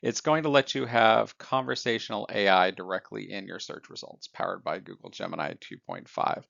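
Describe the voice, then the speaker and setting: A man's voice: on the low side, creaky, a bit bright, no echo, muffled recording. A man presenting technology news in an explanatory narrating style.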